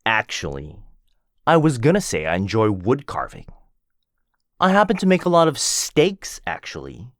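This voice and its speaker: A boyfriend-roleplay voice actor performs an ASMR scene as a cocky werewolf, jealous and boastful, mocking a rival and teasing with plenty of bounce. His fairly low pitch swings wildly at normal speed, captured in studio quality with no echo.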